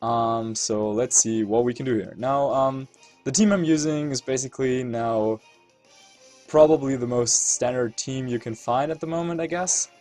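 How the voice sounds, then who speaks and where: A man's voice: mid-range voice, moderate pace, darkish tone, soft background music. A man with a German accent giving casual gameplay commentary as a channel host, thinking aloud as he weighs his moves. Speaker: competitive video game player and channel host.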